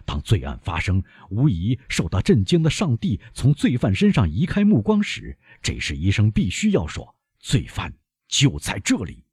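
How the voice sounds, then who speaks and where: A relentless doctor, voiced by a man reading an audiobook, cold and measured as he presses his case. His deep voice is rough and husky, rising and falling sharply, and sounds dry and close. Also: huge pitch swings, darkish tone, no echo, full character voice. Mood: stern. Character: stern older male doctor, relentless accuser.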